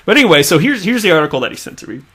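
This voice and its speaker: Rapid-fire and very animated, a Midwestern crypto YouTuber with a high-pitched, pushed, bright, husky voice reads tweets and riffs on them casually. He's chatty on his own channel, packing in fillers and repeating words often.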